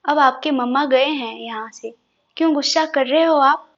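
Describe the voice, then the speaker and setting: Loving young dad, coaxing and playfully sulky, bright high voice, dull lo-fi sound as a woman storyteller puts him on. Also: normal speed. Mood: playfully whiny. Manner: coaxing, mock-sulking, affectionate. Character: playful loving young father teasing his son. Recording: dull lo-fi recording.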